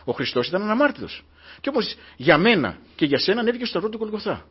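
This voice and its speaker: A man's voice: sits high, big pitch swings, slightly rough, muffled recording. A man preaching a fervent sermon to his congregation, often breaking in with a refrain of thanks to God.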